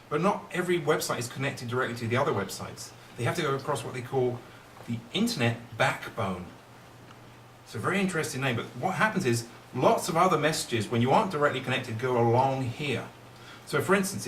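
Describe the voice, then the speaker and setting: A man's voice: medium pitch, fairly bright tone. Roomy, playful middle-aged man, kids' party magician. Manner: playful kids party magician, coaxing the audience with questions. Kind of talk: live kids' magic show patter. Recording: roomy, distant mic, faint noise.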